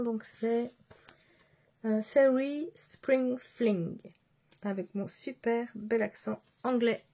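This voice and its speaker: A woman's voice: mid-range voice, vocal fry, warm tone, breathy edge. A woman chatting through a casual show-and-tell vlog, hesitant and often restarting her words. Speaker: cross-stitch vlogger.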